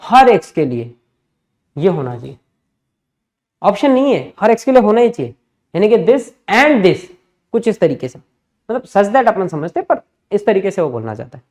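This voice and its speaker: A man's voice: high-pitched, a little mellow. A male maths teacher teaching an exam-prep lesson. He explains step by step, often calls the students "kids" and mixes English terms into his speech.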